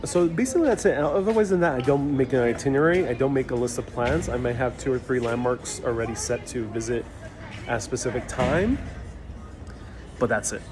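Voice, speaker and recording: Music plays behind this brisk, mid-range male voice with lively intonation. A New York City travel livestreamer, he reads viewer comments out loud in a relaxed live Q&A and replies with jokes, while crowd chatter surrounds his phone stream.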